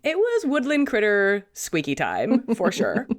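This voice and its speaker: Woman co-host, sick-sounding voice, animated and chatty. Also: mid-range voice, measured pace. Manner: chatty, self-mocking, laughs often. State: sick, voice still recovering. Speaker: podcast co-host. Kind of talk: casual podcast chat.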